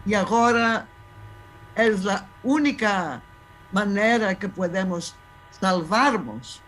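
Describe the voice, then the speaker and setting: A woman in her seventies from Thessaloniki, Greece, speaks as a guest historian in a conversational interview, with a Salonica Judeo-Spanish accent. She is emphatic and insistent, often restarting phrases, in a mid-range, expressive, slow, slightly bright voice. The recording is low-quality, with slight background noise.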